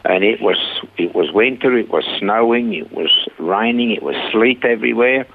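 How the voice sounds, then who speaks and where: Low gravelly husky older man. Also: narrow, tinny audio, slight background noise. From Switzerland. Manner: halting, restarts mid-sentence. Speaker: interview guest. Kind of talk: storytelling interview.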